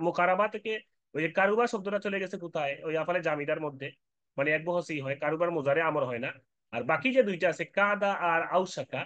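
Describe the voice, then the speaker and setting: A man's voice: on the high side, a bit bright, no echo, highs cut off. A man teaching an Arabic grammar lesson from a sheet, repeating terms and reciting lists of word forms.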